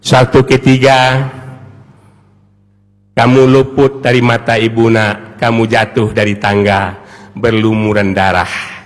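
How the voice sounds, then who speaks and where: A man's voice: flat delivery, slow, pauses often. A male preacher speaking as a devoted mother who pleads with her child during a mosque sermon. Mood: tender, sorrowful. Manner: tender and pleading, with sudden swings from low murmurs to high cries. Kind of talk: Ramadan night sermon, dramatic storytelling. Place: large mosque. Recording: long echo of a large mosque hall.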